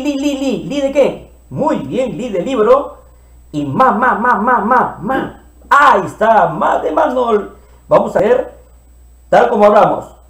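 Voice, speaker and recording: A man teaching children to read, playfully sounding out syllables slowly and repeating them. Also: high voice, roomy sound. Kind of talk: early reading lesson for children.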